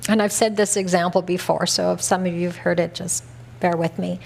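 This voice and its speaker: A middle-aged woman from North America giving a reflective retreat talk as a spiritual teacher, speaking gently and conversationally with easy restarts. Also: on the low side, little pitch movement, fairly quick, creaky, a little hiss or hum.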